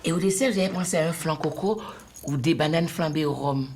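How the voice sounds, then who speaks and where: A low-voiced older resident from Guadeloupe. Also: female voice, fairly quick, background noise. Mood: polite. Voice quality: polite, chatty, ends phrases with "hein". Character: friendly older woman resident, polite and warm-hearted. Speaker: retirement home resident. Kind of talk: film dialogue.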